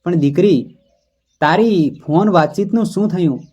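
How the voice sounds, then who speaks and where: A man voicing a caring middle-aged mother who talks gently and coaxingly. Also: high-pitched, unhurried, dull audio. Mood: soothing.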